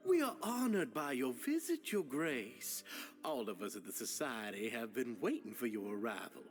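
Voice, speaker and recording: A man's voice: medium pitch, sing-song, moderate pace, soft background music, natural voice. A man playing an earnest, courteous society leader with a Southern US accent and a drawl.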